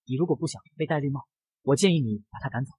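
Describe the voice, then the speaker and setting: A man voicing a calm, blunt young man with a deadpan delivery, in a comic narration. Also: mid-range voice, very fast, breathy edge, no echo, poor audio.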